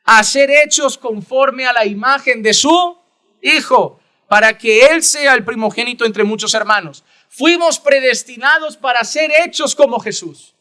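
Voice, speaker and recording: A man preaching a sermon as pastor, earnest, rising to loud emphasis and dropping to hushed prayer. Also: very high voice, measured pace.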